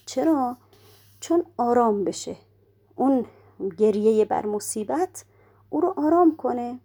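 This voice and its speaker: In this religious lecture, a woman with a slightly high, warm voice and lively intonation explains things step by step. She poses rhetorical questions and answers them herself, slowing down whenever she recites quotations from prayers.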